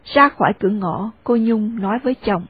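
Woman narrating a story, husky and dry. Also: mid-range voice, normal speed, dry recording. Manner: steady storytelling. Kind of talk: audiobook narration. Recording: dry, phone-like narrow sound.

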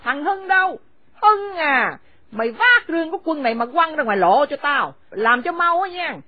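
A woman's voice: high voice, very animated, normal speed, no room sound, pitched above the performer's own voice. A woman voicing a furious, domineering elderly mother-in-law who screams scornful insults. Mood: furious scolding. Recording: dry, phone-like narrow sound.

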